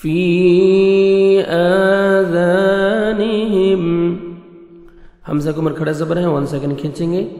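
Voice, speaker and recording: A man with a fairly high voice teaches Quran recitation, walking through letter sounds step by step. His voice rings out in a roomy space with a long echo, and soft music sits faintly behind him. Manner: slow drawn-out chanted recitation between brisk explanations.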